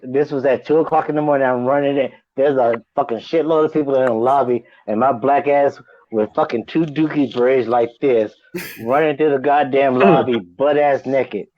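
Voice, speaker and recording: A man's voice: mid-range voice, fairly even intonation, normal speed, dry recording, muffled recording. A man telling a wild story in a casual interview, swearing freely, laughing often, and repeating "you know what I'm saying". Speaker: band member guest.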